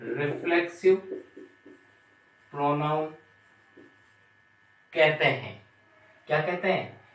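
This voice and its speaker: Slow-talking male teacher, roomy sound. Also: fairly high pitch, lively intonation. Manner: slow, repeats key terms and asks the class questions. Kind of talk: classroom grammar lesson. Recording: roomy, from some distance.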